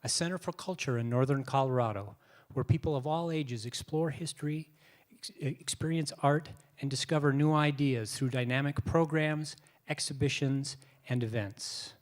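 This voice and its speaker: A man hosting a museum's online event, reading a formal welcome and guest introduction in a measured, announcer-like way. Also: mid-range voice. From United States. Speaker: museum host.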